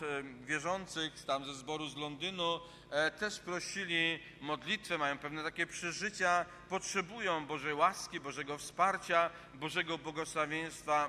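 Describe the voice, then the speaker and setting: Male preacher from Poland, earnest sermon, bright higher voice, hall reverb, faint rumble. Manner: earnest, repetitive phrasing with hesitant fillers. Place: church hall. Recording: long reverb of a large hall.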